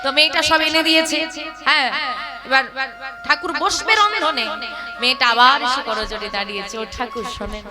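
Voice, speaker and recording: A woman kirtan singer telling a devotional story in a lively, drawn-out way, breaking into chants. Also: sits high. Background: loud devotional instrumental music.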